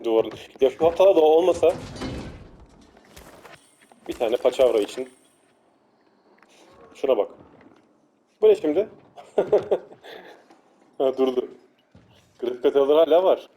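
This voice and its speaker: A man's voice: medium pitch, lively intonation, measured pace, long pauses, mellow, a little hiss or hum. A young man commentating his gameplay, getting fed up, grumbling and laughing at glitches. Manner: exasperated, swears and laughs at glitches. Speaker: gameplay streamer. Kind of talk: funny moments gameplay commentary.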